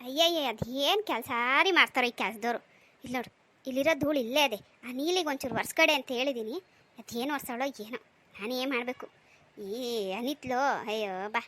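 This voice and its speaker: A woman's voice: high voice, fairly quick, bright, forceful tone. A woman voicing an old village grandmother in a cartoon, fussing and complaining about chores. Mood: grumbling. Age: older. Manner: complaining, scolding.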